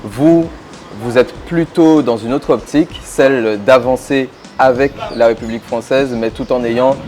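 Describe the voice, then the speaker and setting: A man's voice: mid-range voice, a little slow, darkish tone, a little hiss or hum. A man interviewing a candidate outdoors, asking questions in a hesitant way with fillers. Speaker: journalist interviewer.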